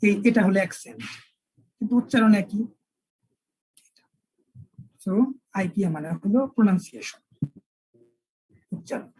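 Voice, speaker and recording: A male English teacher, lecturing an online class and spelling words out slowly with repeated examples. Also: high-pitched, darkish tone, breathy edge, no room sound, low-quality recording.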